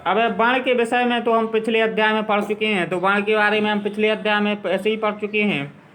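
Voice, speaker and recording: A man teaching a school grammar lesson, explaining slowly and repeating his examples. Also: high-pitched, fairly even intonation, a bit bright, rough recording.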